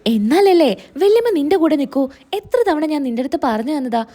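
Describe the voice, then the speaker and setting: A woman's voice: high-pitched, very animated, fairly quick, mellow. A woman voicing a scheming middle-aged father who pushes his daughter with insistent orders. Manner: pushy, insistent.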